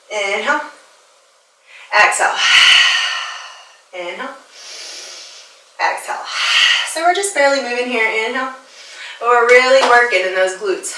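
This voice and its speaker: A woman's voice: on the high side, fairly bright tone. A woman leading a yoga class as instructor and personal trainer, upbeat and playful, laughing often and a little out of breath as she moves with the class. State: slightly out of breath from exercising. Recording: echoey room, voice a bit far from the mic.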